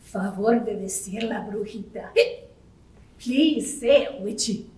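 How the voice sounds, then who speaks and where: A woman voicing a gentle, hiccuping ghost in a bilingual children's puppet show, saying each line in English and Spanish. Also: medium pitch, slow, natural voice. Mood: fretful. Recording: echoey room, far from the mic.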